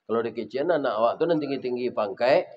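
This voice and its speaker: A man's voice: mid-range voice, fast talker. A man with a Minangkabau accent preaching a sermon, talking animatedly to the congregation and often asking them rhetorical questions. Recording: dull lo-fi sound.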